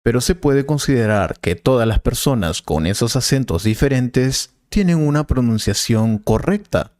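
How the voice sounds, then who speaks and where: Calm male professor voiced by a man for a scripted teaching dialogue: patient, slow, dry studio read. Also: mid-range voice, no room sound, natural voice. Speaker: Spanish teacher.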